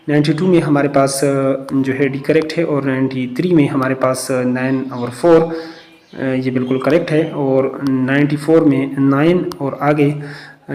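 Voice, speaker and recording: A man going through exam answers as a test prep teacher, explaining step by step with many pauses. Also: mid-range voice, dark tone. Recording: echoey room.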